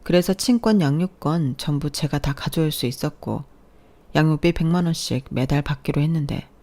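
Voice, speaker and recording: A woman narrating a first-person story in a calm, matter-of-fact way. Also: sits low, normal speed.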